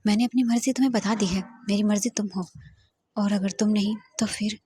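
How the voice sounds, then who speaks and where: Woman doing a teasing young boss man, cocky, breathy voice. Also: mid-range voice, fairly even intonation, a little fast, mellow, dry recording, clean studio sound, natural voice. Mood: pleading. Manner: teasing, playful.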